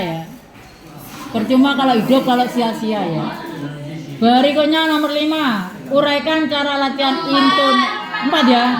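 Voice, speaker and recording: A fairly high-voiced woman teaches a class, tagging "ya" onto nearly every phrase and repeating each answer slowly. Her voice rings around a reverberant classroom. Students murmur steadily behind her. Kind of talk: classroom lesson.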